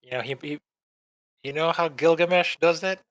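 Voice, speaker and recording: A man co-hosting an anime podcast, giving a rambling, deadpan and dismissive casual review. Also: a little high, moderate pace, no echo. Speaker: podcast co-host.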